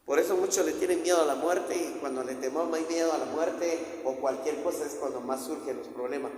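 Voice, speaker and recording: A man's voice: on the high side, fairly quick, darkish tone. A man preaching a sermon, telling the story with repetition and acting out the voices. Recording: echoey hall with faint ambience.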